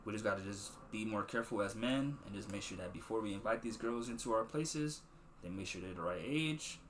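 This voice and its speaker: A man in his twenties hosting a podcast, talking casually in a rambling way, with many restarts, street slang and animated bursts. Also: on the low side, a little hiss or hum. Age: 20s. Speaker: podcast host. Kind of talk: casual solo podcast commentary.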